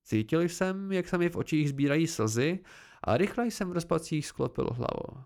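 Male amateur audiobook narrator, first-person storytelling, fairly high voice with a gravelly rasp. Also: animated, darkish tone. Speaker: audiobook reader.

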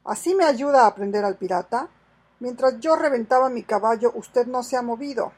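Woman playing a loud, blustering soldier. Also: mid-range voice, normal speed, creaky, breathy edge. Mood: indignant. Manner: loud, indignant scolding. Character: blustering male colonial soldier, brash.

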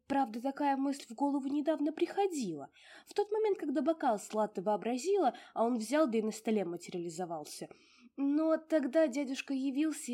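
An expressive woman reads a fairy-tale story aloud, her husky voice rising and falling widely as she tells it. The lilting delivery keeps the story lively. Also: on the high side. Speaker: audiobook narrator. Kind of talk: storybook narration.

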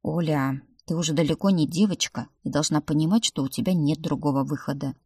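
A woman reading the lines of a sad male adviser in an audiobook, speaking low and sorrowfully. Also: a little fast, a little mellow, slightly rough, no echo, clean studio sound.

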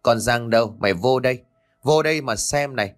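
A man doing a gruff, scolding husband. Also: medium pitch, a little fast, faint music behind, close to an everyday voice. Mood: angry. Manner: scolding, harsh. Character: gruff hot-tempered husband, grown man.

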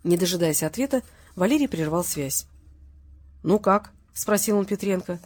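A woman reads audiobook narration with an expressive delivery. Her voice is husky and her pitch moves a lot. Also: brisk. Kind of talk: scripted narration.

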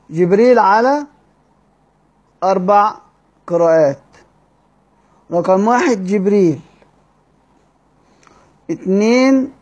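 A man with an Egyptian accent teaching Quranic readings in a study-circle lecture, explaining step by step and drawing out key words slowly. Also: high voice, a little mellow, breathy edge. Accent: Egyptian Arabic. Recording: dull lo-fi recording.

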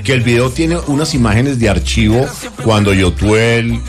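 A man co-hosting a radio show, calmly explaining the story behind a song. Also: medium pitch, normal speed, music in the background. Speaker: radio co-host. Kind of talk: casual radio chat.

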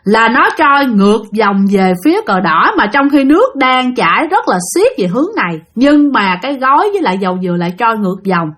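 A woman tells a ghost story casually. Her voice sits high, and she chats along while often speaking straight to her listeners. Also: very animated, a little fast, hardly any pauses, fairly bright tone. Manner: chatty, addresses listeners directly.

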